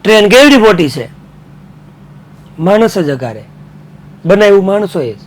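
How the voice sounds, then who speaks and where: A male teacher giving an animated online class, mixing in Hindi and English and getting students to call out answers. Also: high voice, normal speed.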